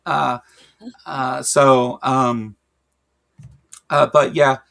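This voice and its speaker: A podcast co-host with a Kentucky accent chats on a casual livestream, rambling, joking and using lots of fillers. His medium-pitched voice has a level tone, drawn-out words, creakiness and a slight brightness.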